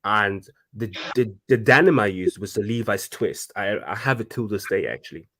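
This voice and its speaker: A Congolese man in his thirties, a fashion designer appearing as a guest, chats casually and animatedly with lots of restarts. His lowish voice has lively intonation, a sharp tone, and a normal speed.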